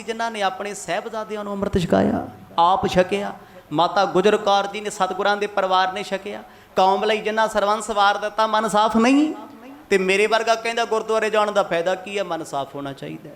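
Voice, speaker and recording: A man's voice: sits high, steady tone, fairly quick, fairly bright tone. A man from Mohali, Punjab, giving a Sikh katha sermon. He asks the congregation rhetorical questions and acts out the words of the figures he quotes. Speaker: Sikh preacher.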